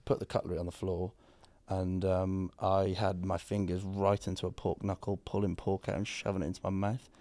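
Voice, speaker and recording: A young man with a hoarse voice, co-hosting a podcast in a rambling, self-deprecating way. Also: low voice, little pitch movement, fairly quick, dark tone. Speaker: podcast co-host. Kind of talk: casual chat.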